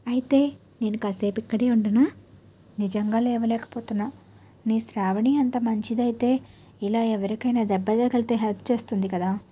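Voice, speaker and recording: Woman doing a sweet coaxing young wife, soft pleading, husky mellow voice. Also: a little high, steady tone, moderate pace. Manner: gentle coaxing pleas.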